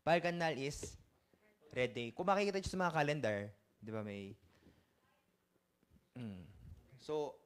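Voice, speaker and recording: A man's voice: a little high, sing-song, unhurried, pauses often, clear, resonant tone. A man teaching a casual language lesson, explaining words step by step and asking his learners questions. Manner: explains terms in mixed Tagalog and English, asks learners questions.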